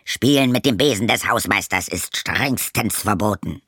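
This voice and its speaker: A man voicing a grumpy, strict male building caretaker in a storybook reading, gruff and officious. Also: lowish voice, normal speed, fairly bright tone, dry recording, clean studio sound. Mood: stern.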